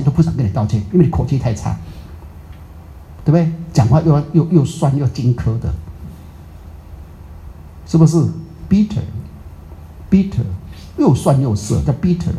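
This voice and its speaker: Very mellow-voiced man giving a dharma talk. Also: medium pitch, poor audio. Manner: chatty, keeps asking the audience "right?"; mixes in English words. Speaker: Buddhist dharma teacher. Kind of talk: informal dharma talk to a live audience.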